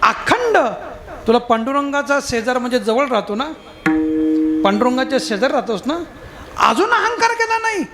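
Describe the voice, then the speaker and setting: A man voicing a four- or five-year-old girl saint who taunts in a shrill sing-song. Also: sing-song, slow, pauses often, bright, forceful tone, full character voice. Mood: scolding.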